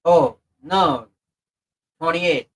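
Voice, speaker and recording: A man's voice: high-pitched, huge pitch swings, extremely slow, gravelly. A man in his twenties hanging out on a livestream, laid-back and giggly. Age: 20s. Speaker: guest on a livestream. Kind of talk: casual chat.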